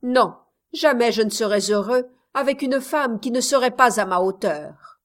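A woman's voice: on the high side, normal speed, natural voice. A woman voicing a cold, vain young man from a village who speaks curtly and impatiently in a storybook reading. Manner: curt, impatient delivery.

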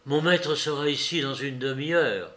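A man's voice: a little high, normal speed, pushed and bright. A man doing an anxious scolding housekeeper. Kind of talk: audiobook reading.

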